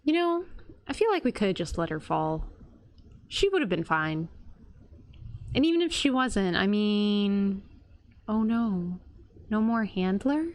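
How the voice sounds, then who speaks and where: A woman streaming a video game with casual, reactive live commentary, expressive and full of exclamations. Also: mid-range voice, measured pace, pauses often.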